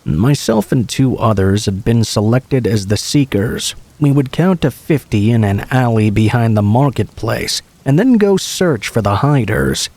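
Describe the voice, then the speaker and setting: A man reading true scary stories aloud in the first person, in an even storytelling way. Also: lowish voice, a little slow, few pauses, no echo. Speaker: horror story narrator.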